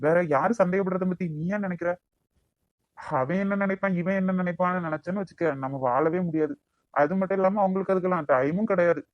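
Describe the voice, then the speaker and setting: A man's voice: high-pitched, fairly even intonation, fast talker, dry recording, dull audio, natural voice. A man voicing several young men in a Tamil cartoon romance, with a Nagercoil accent, wheedling his fiancée and musing aloud to himself. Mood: reassuring. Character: young man, affectionate fiancé and lovestruck taxi driver. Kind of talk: cartoon voice acting.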